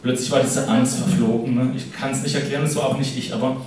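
A man preaching a casual sermon, his voice set back from the microphone and ringing around a very echoey hall. He talks to the congregation informally, checking in with them constantly. Room noise sits clearly underneath him. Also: medium pitch, fairly even intonation, fast talker, darkish tone. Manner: conversational, keeps adding "ne?". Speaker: pastor. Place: church hall. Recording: echoey hall, far from the mic.

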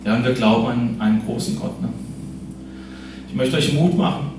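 A pastor preaching in a relaxed, conversational way, often tagging his sentences with a questioning "ne?". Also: mid-range voice, moderate pace, background noise. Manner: conversational, keeps adding "ne?". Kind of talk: sermon. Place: church hall. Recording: echoey hall, far from the mic.

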